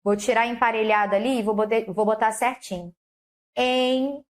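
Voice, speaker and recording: A woman's voice: on the high side, a little fast. A woman teaching a lesson on verse, explaining step by step and asking the viewer questions, on a clip-on mic. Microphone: clip-on mic on her collar.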